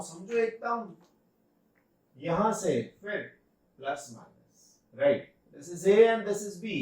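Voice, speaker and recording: A male physics teacher, his pitch rising and falling as he urges his class on. He speaks in an unhurried way and sits a bit back from the mic. His voice echoes around a bare room. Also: recorded from a distance. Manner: lively, coaxing students with repeated questions. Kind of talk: classroom lecture.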